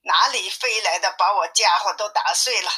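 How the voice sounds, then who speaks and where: A woman's voice: medium pitch, moderate pace, pushed and bright, breathy edge. A woman voicing a coy female demon spirit who wants to marry a monk, by turns sweetly coaxing and bossy. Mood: commanding. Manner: sweet, coaxing, then bossy with her minions. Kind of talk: storytelling.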